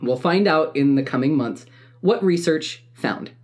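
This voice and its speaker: A woman co-hosting a podcast, telling stories in a relaxed, chatty way with plenty of fillers. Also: low-pitched, a little slow. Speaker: podcast co-host. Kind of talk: casual chat.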